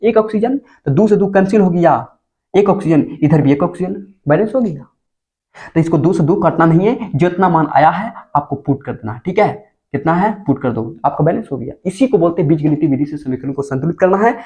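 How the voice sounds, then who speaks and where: A man's voice: fairly high pitch, animated, fairly quick, dark tone. A male teacher, giving a chemistry lesson for board exam students. He keeps putting questions to the class and answering them himself. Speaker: school teacher.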